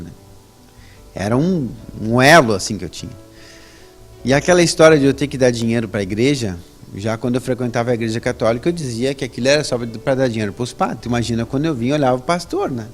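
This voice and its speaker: A man, a guest telling his personal religious testimony in a conversational way, often ending sentences with a questioning tag. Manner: lively storytelling with rising pitch on emphasis. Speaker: interview guest.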